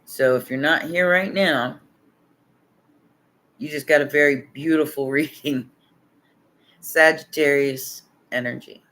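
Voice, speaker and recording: A man's voice: a little high, steady tone, takes it slowly, long pauses, sharp tone. A man giving a casual livestream tarot reading, laid-back and chuckling as he rambles, sounding tired with his voice nearly worn out. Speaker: tarot reader.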